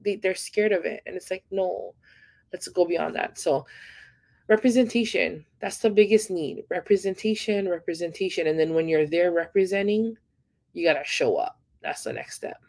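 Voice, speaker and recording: A woman's voice: lowish voice, moderate pace, a little mellow, no room sound. A woman from Hawaii, speaking earnestly as a podcast guest and stressing her points through repetition. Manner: earnest, emphatic, repeats key points. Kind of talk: casual podcast conversation.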